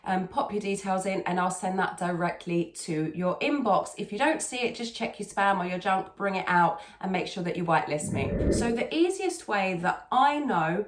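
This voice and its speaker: A woman's voice: mid-range voice, animated, normal speed, few pauses. Female vocal coach, mid-range voice, instructional and conversational tutorial delivery, repeats for emphasis, noticeably roomy recording. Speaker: singing teacher and video host. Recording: echoey, roomy sound.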